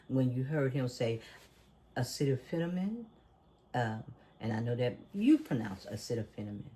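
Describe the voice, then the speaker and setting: This man hosts a casual talk-show podcast in a mid-range, expressive, mellow voice at a measured pace, with a little hiss or hum. His commentary is conversational yet preachy and emphatic, with frequent leading questions.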